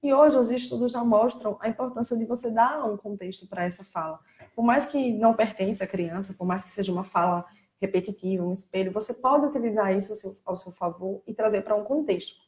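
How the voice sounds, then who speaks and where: Her voice is medium in pitch and her delivery brisk as this Brazilian child speech therapist talks casually on a live stream. She lays things out plainly and becomes animated while mimicking children, with a Brazilian Portuguese accent throughout.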